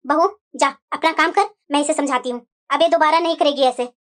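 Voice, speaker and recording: A voice actor playing a stern older mother-in-law in a cartoon, lecturing slowly and firmly. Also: high-pitched, steady tone, a bit bright, voice pushed down. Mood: stern advising. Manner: slow, measured, lecturing. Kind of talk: cartoon voice acting.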